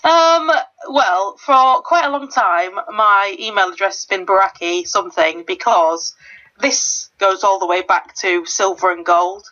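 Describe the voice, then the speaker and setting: A woman's voice: medium pitch, measured pace, sharp tone. A woman chatting playfully as a guest on a game playthrough. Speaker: co-commentator guest. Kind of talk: casual gameplay chat. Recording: dull lo-fi recording.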